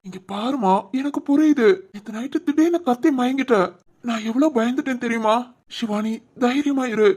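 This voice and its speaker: A gentle young husband from a cartoon family drama, voiced by a woman. He speaks softly and reassuringly, in a voice pitched somewhat high for a man. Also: normal speed, close to an everyday voice. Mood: soothing. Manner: soothing, reassuring, tender. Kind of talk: animated cartoon voice acting.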